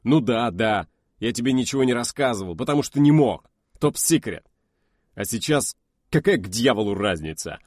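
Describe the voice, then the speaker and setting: A man voicing a bitter, resigned American shuttle pilot in an audiobook, talking loud and strained. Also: fairly low pitch, brisk, no echo, studio quality, lightly acted.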